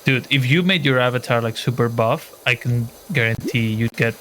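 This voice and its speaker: A man's voice: medium pitch, normal speed, a bit bright, a little hiss or hum, rough recording. A man chatting casually and joking around, swearing now and then. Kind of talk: casual chat.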